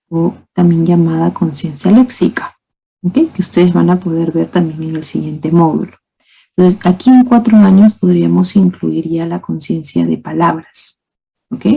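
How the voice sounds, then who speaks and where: A woman lectures teachers in a calm, explanatory way, often closing her points with "¿ok?". Her voice is very dark and mellow, with a gravelly, somewhat husky edge. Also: lowish voice, poor audio. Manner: explanatory, asks rhetorical questions, says "¿ok?" and "¿no?" often. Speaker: teacher trainer. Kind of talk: methodology lecture.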